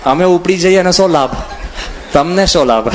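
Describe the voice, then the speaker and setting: A man's voice: high-pitched, moderate pace, slight background noise. A man who is a monk giving a humorous spiritual discourse, telling anecdotes and acting out the voices of people he quotes. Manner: animated, acts out quoted voices, chuckles while telling anecdotes.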